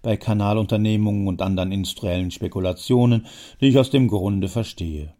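A man voicing a talkative, scheming old uncle who speaks in smooth, self-important phrases. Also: fairly low pitch, brisk, dark tone, natural voice.

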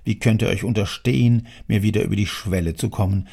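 A man voicing a grumpy, tyrannical old male factory owner in an audiobook, scolding in a thundering, gravelly voice. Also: fairly low pitch, fairly even intonation, a little fast, dark tone. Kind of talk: audiobook character voice.

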